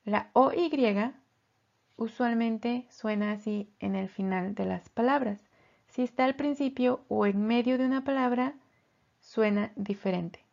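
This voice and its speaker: A woman teaching English pronunciation in a slow, careful lesson, repeating each word. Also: a little high, vocal fry, a little mellow, lo-fi sound.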